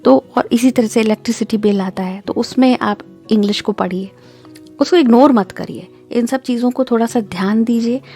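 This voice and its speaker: A woman giving a spoken lesson, explaining and slowly demonstrating English pronunciation. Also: fairly high pitch, dark tone, husky, soft background music. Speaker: English teacher.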